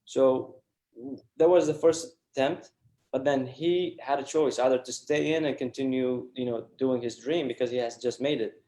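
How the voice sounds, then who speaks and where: A man's voice: mid-range voice, fairly even intonation, normal speed, mellow, reverberant. A man, a guest telling his story in an earnest, casual way full of fillers and restarts. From Iraq. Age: 20s. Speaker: guest entrepreneur. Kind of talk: casual interview talk.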